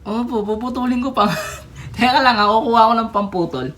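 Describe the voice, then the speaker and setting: A young woman giving casual unboxing commentary on a figure, chatty, with excited exclamations and little giggles. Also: a little high, a little fast. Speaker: toy reviewer.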